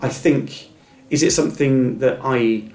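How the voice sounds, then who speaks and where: This interview guest, a middle-aged man who stammers, repeats words and starts over as he gives heartfelt, encouraging advice in a reflective talk. He has a medium-pitched, darkish voice and an unhurried pace, recorded in an echoey room with faint music.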